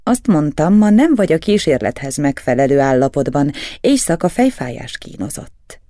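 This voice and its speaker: A man reading an audiobook, voicing a stern hypnotist who speaks curtly and roughly. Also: on the high side, big pitch swings, mellow, no room sound, clean studio sound. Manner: curt, commanding, rough. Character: stern commanding male hypnotist, harsh husband.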